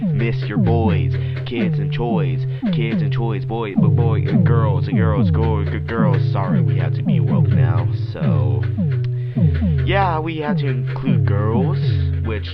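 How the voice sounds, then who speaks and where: A man rambles through an absurd spoken-word comedy track, jumping from idea to idea with a provocative, joking edge. Loud music sits under him. The mix sounds dull and lo-fi. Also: fairly low pitch, animated, slow pace. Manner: rambling, jumps between topics, playfully provocative. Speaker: comedy rapper.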